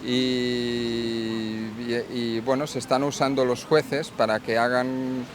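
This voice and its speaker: A man's voice: medium pitch, level tone, takes it slowly. A man answering a street interview, concerned, stumbling and restarting. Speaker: passer-by interviewed. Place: outdoors on a city street. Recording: street noise and traffic.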